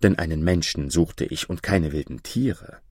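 A man voicing a cunning wandering fiddler in a storybook reading, giving coaxing commands in a deep voice. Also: normal speed, a little mellow, husky, dry recording, studio quality.

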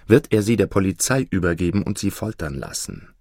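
Stern old vagabond mentor, slow and deep, dry sound, voiced by a man narrator. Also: animated, darkish tone, no room sound. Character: stern old male vagabond master thief.

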